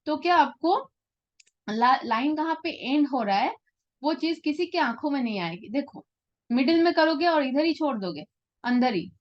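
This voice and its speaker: Her voice sits high as she teaches portrait drawing live, patient in her explanations and often making sure the class keeps up. The recording is dull.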